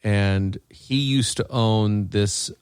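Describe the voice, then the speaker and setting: A man with a lowish, clear, resonant voice hosts a podcast, speaking extremely slowly with no echo. He chats casually and tells stories in a dry, joking way.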